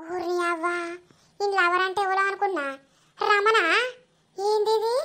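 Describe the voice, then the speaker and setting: A woman voices a nosy village neighbor in a cartoon. She scolds and pries with a Telangana accent, in a very high, bright voice that rises when she gets heated. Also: steady tone, a little slow, exaggerated voice. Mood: prying. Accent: Telangana Telugu. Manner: scolding, prying. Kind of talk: cartoon voice acting.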